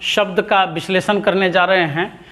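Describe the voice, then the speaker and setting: A man teaching Hindi grammar in a dictation-style lesson, repeating each term slowly with long pauses between words. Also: high-pitched, fairly even intonation, a bit bright.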